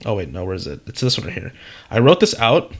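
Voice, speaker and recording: A man's voice: fairly low pitch, very animated, quick pace, gravelly. Rambling young man teaching scriptwriting. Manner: rambling, full of fillers and "right?"; apologetic asides, trails off to a mutter. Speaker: copywriter teaching script writing. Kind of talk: casual screen-share tutorial.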